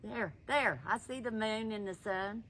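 A woman, the vlogger's mother, talking outdoors in a slow, easygoing way. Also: mid-range voice, a bit bright, slight background noise.

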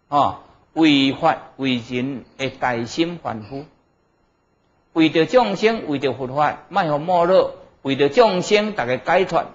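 A middle-aged Buddhist monk with a Taiwanese Hokkien accent lectures in a somewhat high male voice. He teaches didactically, punctuating his points with short interjections and questions to check understanding. The recording is a little dull and lo-fi. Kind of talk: Dharma lecture. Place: indoor lecture room at a desk before a blackboard.

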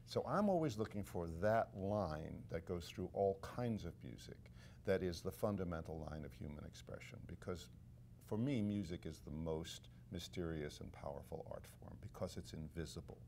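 A man, a conductor and author, talking in a casual interview, explaining his ideas in a measured way. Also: sits low, animated, dark tone, slight background noise.

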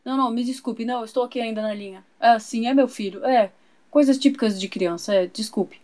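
A woman voicing a busy father on a formal phone call, hurried and apologetic. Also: a little high, darkish tone, natural voice.

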